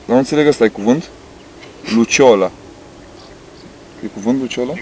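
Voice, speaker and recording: Playful footballer reading a word list. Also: male voice, medium pitch, slight background noise. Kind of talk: casual group interview.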